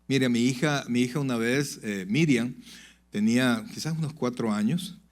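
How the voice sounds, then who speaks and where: A man preaching a sermon to his congregation, swinging from loud emphatic peaks to low confiding asides and calling out "brother" to the listeners. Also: normal speed. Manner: addresses the congregation directly, "brother". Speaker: pastor. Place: church sanctuary.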